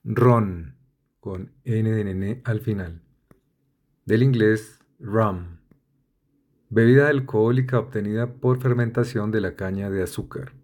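Slow, low-voiced man reading word definitions. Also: a little mellow. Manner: spells out letters and lists synonyms methodically. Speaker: vocabulary reader. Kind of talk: slow, deliberate dictionary reading.

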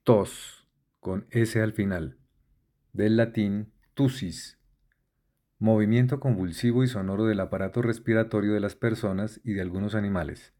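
A man reading out dictionary entries in a measured way, spelling letters and giving examples. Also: on the low side, fairly even intonation, dark tone. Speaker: dictionary word reader. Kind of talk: scripted reading of word definitions.

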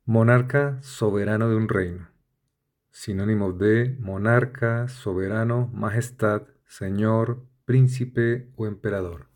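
A man's voice: lowish voice, takes it slowly, darkish tone. A man reading dictionary entries aloud, spelling out letters and listing synonyms in a methodical way. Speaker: vocabulary reader. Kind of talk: slow, deliberate dictionary reading.

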